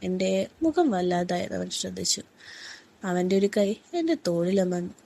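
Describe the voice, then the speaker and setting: Lady reading a story out loud, soft and slow, kinda dark mellow voice. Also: lowish voice, expressive, gravelly. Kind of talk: scripted first-person story reading.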